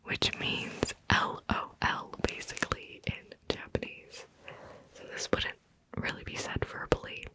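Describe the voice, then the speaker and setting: A woman's voice: sharp tone, rough recording. A woman hosting an ASMR video in a close whisper, right in your ear on a binaural mic, lingering over and repeating words. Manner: slow, lingering repetition of words. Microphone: close binaural microphone.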